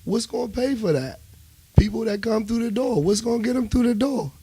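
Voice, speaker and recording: Appearing as a musician guest in a radio interview, a man with a Washington, DC accent tells stories in a casual, emphatic, animated way, repeatedly checking he's understood. His voice is very high, brisk and husky, with no echo.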